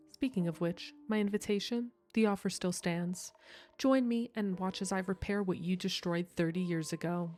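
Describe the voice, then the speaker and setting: A woman's voice: fairly low pitch, dark tone, lightly acted. Woman reading a cool, mocking schemer of fate. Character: scheming villain who spins threads of fate. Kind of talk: visual novel dialogue read aloud.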